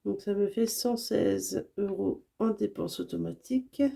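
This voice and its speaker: Sick lady vlogging her budget, voice all hoarse and gravelly, lots of umms and oops-i-mean. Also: mid-range voice, measured pace, mellow. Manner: hesitant, many fillers and self-corrections. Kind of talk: casual talk to camera.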